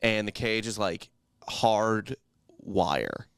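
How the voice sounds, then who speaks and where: A man on a podcast telling a rambling, crude story in a deadpan way during a casual chat. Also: lowish voice, extremely slow, clean tone, no room sound, studio quality.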